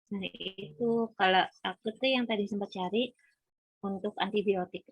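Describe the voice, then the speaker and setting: A woman's voice: medium pitch, normal speed, slightly rough, no room sound, low-quality recording. A young woman speaking hesitantly in an online group discussion, her call audio choppy and cutting in and out. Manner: hesitant, searching for words. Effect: choppy online call audio that cuts in and out. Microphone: online video call.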